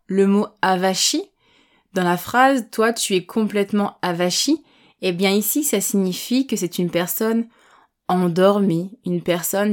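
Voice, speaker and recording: A woman's voice: mid-range voice, a little mellow. Patient French woman teaching vocabulary. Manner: patient, clear explanations with examples; speaks slowly and distinctly on purpose. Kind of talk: vocabulary lesson explaining words.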